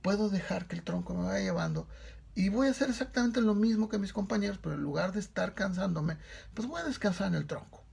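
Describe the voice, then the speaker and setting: A man's voice: high-pitched, very animated, fast talker, creaky, darkish tone, slightly rough, pitched above the performer's own voice, heavily acted. A man voicing a carefree, dismissive goose. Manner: easygoing, carefree, dismissive of warnings. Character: complacent male goose resting on a log.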